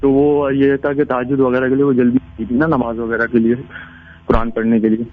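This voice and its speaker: A man's voice: mid-range voice, little pitch movement, brisk. A man calling in to tell a ghost story in a rambling, casual way, with many restarts. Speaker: caller. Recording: tinny phone line.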